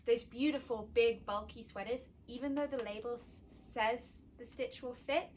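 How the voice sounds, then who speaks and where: A woman's voice: on the high side, normal speed, slight background noise. A woman co-hosting a knitting podcast, explaining practical yarn tips in casual chat. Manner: practical, explanatory, warm agreement. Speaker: podcast co-host, yarn shop owner.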